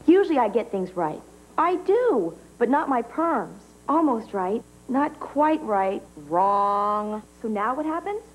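Husky, high-voiced perm customer. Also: female voice, big pitch swings, heavily acted, poor audio. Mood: rueful. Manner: confiding, measured short phrases. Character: self-deprecating woman finally pleased with her perm. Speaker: commercial actor. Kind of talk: scripted TV advertisement testimonial.

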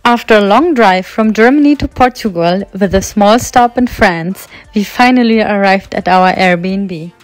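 Woman, travel vlog voice-over, calm explanatory reading, dry close sound, faint music. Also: mid-range voice, measured pace, hardly any pauses, dry recording. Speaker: travel vlogger narrating. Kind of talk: scripted voice-over narration.

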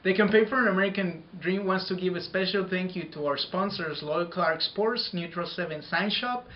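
A man's voice: high-pitched, normal speed, muffled recording, a little hiss or hum. A man in his twenties from Mexico speaks confidently and directly to camera indoors. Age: 20s. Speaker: activist giving a statement. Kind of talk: scripted statement to camera. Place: indoors before a curtain.

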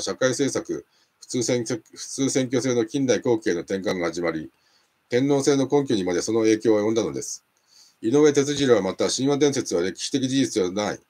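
A man reading a nonfiction history book aloud in a steady, measured way, now and then stumbling and restarting a word. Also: on the low side, slightly rough.

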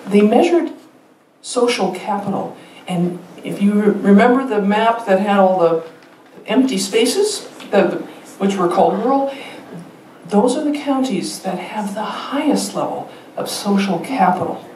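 A woman teacher educator giving a staged public talk, lively and emphatic, with rhetorical questions and light laughter. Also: mid-range voice, unhurried, a little hiss or hum. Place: theater stage. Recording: roomy theater sound heard from a distance.

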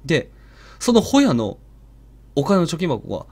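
A man narrating a ghost story in a hushed, dramatic storytelling manner. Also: on the high side, huge pitch swings, a little slow, husky. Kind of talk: live ghost story telling.

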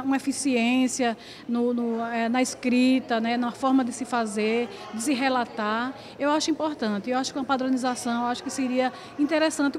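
A middle-aged woman with a Brazilian Portuguese accent, a chief of staff interviewed in an indoor hallway. She is hesitant and repeats words, speaking into a handheld mic. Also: high voice. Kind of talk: interview answers. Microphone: handheld TV mic held close.

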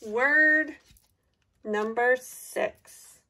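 Female primary teacher, higher-pitched, very slow and deliberate school dictation for a children's spelling test. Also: sharp tone. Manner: deliberate, repeats each word, simple instructions for young children.

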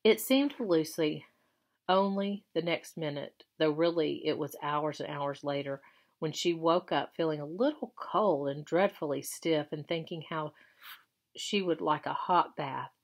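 A woman teacher reading a children's novel aloud to her class in a measured, expressive storytelling voice. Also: low voice.

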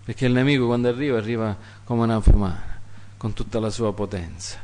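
A man preaching a sermon, repeating phrases for emphasis and swinging between loud, high exhortation and quiet, low asides. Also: brisk.

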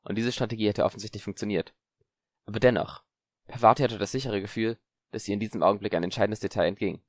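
A man narrating an audiobook in an even, measured reading. His voice sits on the low side. The sound is dry and close. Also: no room sound. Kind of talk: scripted narration.

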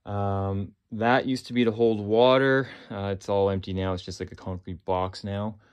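A man's voice: on the low side, moderate pace, clear, resonant tone. A real estate agent, a man, giving a casual walk-through of an old stone basement, talking plainly with fillers as he goes, recorded on a handheld phone. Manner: relaxed, plain-spoken, thinking aloud with fillers. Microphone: phone camera held by the speaker, moving.

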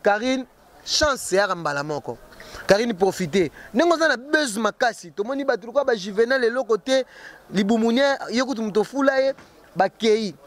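A man with a notably high speaking voice answers interview questions. He talks emphatically, circles back on his own words, and keeps pressing his point in an easy, conversational flow. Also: lively intonation, normal speed. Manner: emphatic, repeats words and restarts while arguing. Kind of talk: casual street interview.

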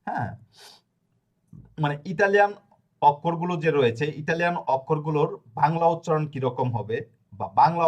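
A man teaching a lesson in a spoken, unscripted way, repeating each point and filling pauses as he thinks aloud. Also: a little high, dull audio. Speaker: language teacher.

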